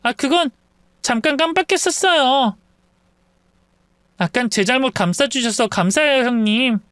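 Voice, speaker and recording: A man's voice: very high-pitched, lively intonation, unhurried, fairly bright tone, clear, resonant tone, no echo, voice pushed up, full character voice. A man voicing a spiteful, scheming young sister-in-law in a story read-aloud, sneering and mock-sweet. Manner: sneering, mock-sweet, whiny when feigning tears.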